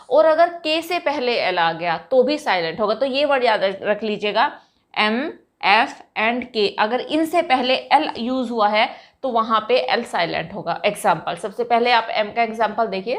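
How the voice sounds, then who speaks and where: A woman teaches English pronunciation in an online class. Her voice sits a little high, and she explains each rule patiently, repeating words to correct common slips. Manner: patient, explains rules step by step and corrects mispronunciations.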